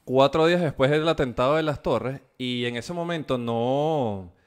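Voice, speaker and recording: A man's voice: mid-range voice, moderate pace, clean tone. A man with a Venezuelan accent, chatting casually as a podcast co-host, telling stories with acted-out voices and frequent laughter. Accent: Venezuelan Spanish. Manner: animated storyteller, acts out voices and laughs often. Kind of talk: casual chat.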